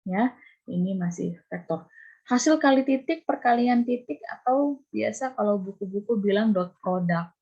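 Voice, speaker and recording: A husky-voiced woman leads a math lecture over a video call, explaining terms and prodding students with repeated questions. Her voice comes through a muffled, dull online call. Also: mid-range voice, lively intonation, moderate pace. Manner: questions students, coaxing and scolding. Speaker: university lecturer.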